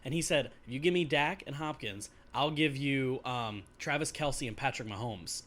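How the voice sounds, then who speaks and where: A man's voice: mid-range voice, moderate pace. Easygoing podcast host man telling stories. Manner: relaxed storyteller, easy and conversational. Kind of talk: casual fantasy football chat.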